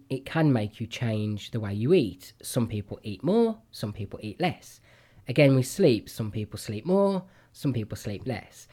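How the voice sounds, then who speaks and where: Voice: medium pitch, dark tone. A podcast host in casual chat, earnest and repeating words while thinking aloud.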